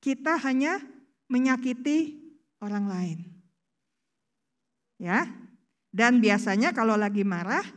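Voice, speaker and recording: A woman's voice: a little high, lively intonation, slow pace, pauses often. A woman preacher, giving a chatty sermon full of rhetorical questions she answers herself. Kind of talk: casual sermon.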